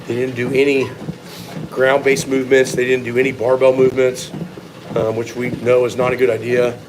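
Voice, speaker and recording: Man, strength coach, casual Q&A chat, blunt and opinionated, mid-pitched voice, clear vehicle-like noise behind. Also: flat delivery, normal speed. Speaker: strength coach answering viewer questions.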